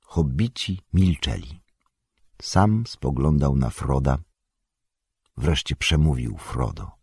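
A man narrating an audiobook in a steady, even reading voice. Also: rumbling low, takes it slowly, gravelly, husky, no room sound, clean studio sound. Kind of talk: scripted narration.

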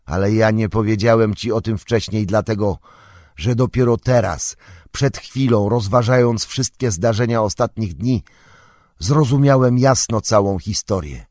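A man's voice: on the low side, darkish tone, no room sound, clean studio sound, close to an everyday voice. Gandalf, a man doing a grave old wizard. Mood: admonishing. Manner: measured, grave lecturing. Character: old male wizard, wise, stern and patient. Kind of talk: audiobook character reading.

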